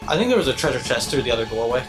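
A man's voice: medium pitch, big pitch swings, very fast. A man giving casual, slangy, teasing co-commentary on a video game. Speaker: gaming video co-host. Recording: game music behind the voice. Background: video game music.

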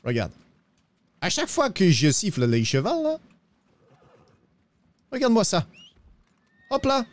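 A man fully in character voices a broke, bumbling cowboy for a western roleplay, pleading in a put-on accent, sliding his pitch theatrically and adding "hein" to his lines. He's unhurried with long pauses and huge pitch swings, and there's no echo.

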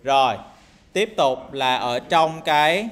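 A man's voice: medium pitch, animated, takes it slowly, fairly bright tone. Casual man teaching coding. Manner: casual, thinking aloud with many fillers and tag questions. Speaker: programming instructor. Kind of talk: screen-recorded coding tutorial.

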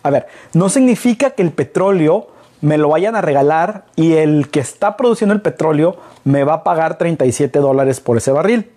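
A middle-aged Mexican business consultant talks casually to camera from an armchair in his living room, posing rhetorical questions as he explains. His voice is on the high side and mellow, at normal speed, picked up by a distant camera.

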